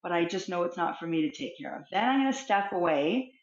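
A middle-aged woman, a counsellor, talking as a guest in an interview, speaking in a reflective, expressive way and acting out little everyday scenes. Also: fairly low pitch, fast talker. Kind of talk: conversational interview. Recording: roomy, dull lo-fi sound.

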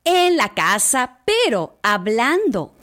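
A woman teacher giving an animated talk on couples' communication. She has a loud, strong voice and speaks straight to her audience. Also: fairly high pitch, slow pace.

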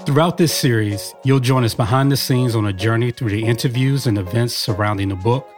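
A man's voice: medium pitch, brisk, soft background music. Enthusiastic male podcast co-host. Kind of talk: casual chat.

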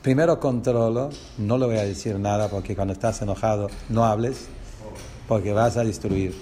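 A man's voice: lowish voice, steady tone, normal speed, dark tone. A man with a Rioplatense Spanish accent teaching a lesson on a religious text. He explains step by step and asks the class rhetorical questions.

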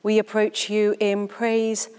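A woman priest leading a church service with a measured, formal delivery, her voice ringing in a long church echo. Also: mid-range voice, completely flat delivery, a little mellow, smooth. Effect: long church echo around the voice. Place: large church interior. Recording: reverberant church hall sound.

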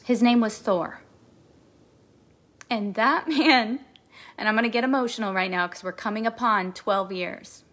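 A woman's voice: on the high side, unhurried, pauses often, fairly bright tone. A woman in her forties hosting a podcast, giving an emphatic motivational monologue with lots of repetition. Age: 40s. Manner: emphatic, repetitive, emotional at times. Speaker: podcast host and coach.

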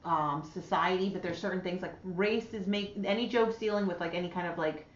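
A woman hosting a podcast in a casual, rambling way, stringing her thoughts together with constant "like"s. Her voice sits at a middle pitch. It sounds roomy and a bit dull, as if recorded on a lo-fi mic. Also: fairly even intonation, brisk. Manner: rambling, heavy with "like" fillers. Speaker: podcast host.

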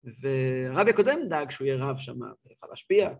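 A man teaching a religious class as a rabbi, telling stories in an animated way and acting out scenes. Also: mid-range voice. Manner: animated, acts out scenes, repeats words. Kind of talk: lively storytelling lesson.

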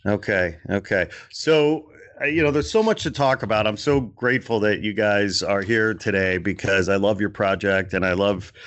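A man's voice: on the low side, moderate pace, few pauses, a bit bright, no echo. A man hosting a podcast in casual chat, laid-back, with frequent fillers and restarts. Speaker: podcast host.

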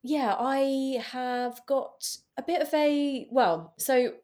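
A woman's voice: high voice, fairly even intonation, slow, a little mellow. An English woman talking about her work in a casual interview, chatty, with many fillers. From England. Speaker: guest, floral artist.

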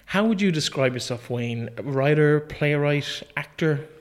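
A man's voice: fairly high pitch, expressive, unhurried. A man with an Irish accent hosting a conversational podcast interview, introducing and questioning a guest.

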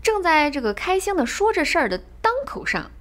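A woman retelling a classic tale casually, chatty and expressive, with asides to the listener. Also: very high voice, brisk. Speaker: storyteller. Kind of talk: casual storytelling podcast.

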